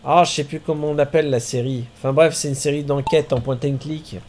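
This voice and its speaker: A man streaming a marbles race game, commenting in a chatty way with bursts of excited exclamations. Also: on the high side, fairly quick.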